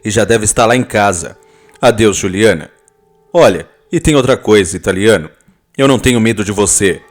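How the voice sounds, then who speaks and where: A man voicing a calm, firm estranged husband, speaking soft, low and steady. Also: moderate pace, natural voice.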